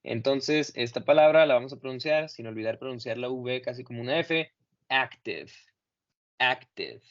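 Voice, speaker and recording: A man's voice: medium pitch, fairly even intonation. Patient male English teacher, lo-fi call. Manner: patient, explains slowly in Spanish, models English words carefully. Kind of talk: online class correcting pronunciation.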